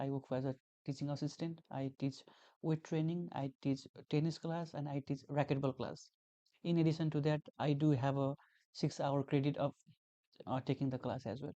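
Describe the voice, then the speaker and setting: Earnest young man, dark tone. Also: a little high, no room sound, dull audio. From Nepal. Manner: earnest, repeats phrases, many fillers. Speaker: guest, graduate teaching assistant. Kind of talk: casual interview conversation.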